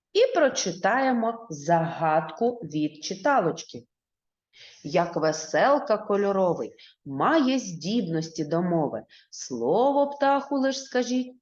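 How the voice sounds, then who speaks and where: A primary school teacher, a woman, speaking slowly and clearly as she guides young children through a reading lesson. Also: fairly low pitch, darkish tone. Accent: Ukrainian. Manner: slow, clear, syllable-by-syllable teaching voice. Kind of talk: video reading lesson for first graders. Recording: echoey room, dull lo-fi sound.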